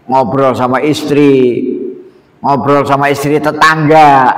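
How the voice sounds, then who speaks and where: A man giving a casual, conversational sermon, tagging "ya" onto phrases and speaking straight to his listeners. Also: medium pitch. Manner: conversational, keeps adding "ya" and addressing "Pak". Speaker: preacher. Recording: roomy hall with long reverb, faint noise.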